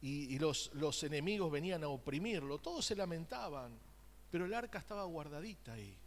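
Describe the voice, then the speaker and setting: A pastor preaches from the pulpit in a long, echoing church hall. His voice sits high for a man, and he keeps the congregation involved with call-and-response questions and wry asides. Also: lively intonation, fairly quick. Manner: joking, conversational asides. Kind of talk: sermon. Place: church sanctuary.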